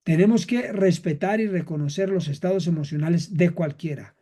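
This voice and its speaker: A man gives a class lecture in a fairly high but mellow, warm voice. He speaks in short, listed phrases, often asks the class rhetorical questions, and clears his throat now and then. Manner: measured, list-like phrasing with frequent rhetorical questions. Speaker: teacher. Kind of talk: lecture to counseling students.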